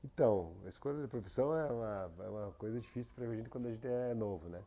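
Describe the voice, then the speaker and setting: A man from who runs a company, speaking as a podcast guest in a relaxed, halting way with many restarts. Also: mid-range voice. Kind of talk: casual interview.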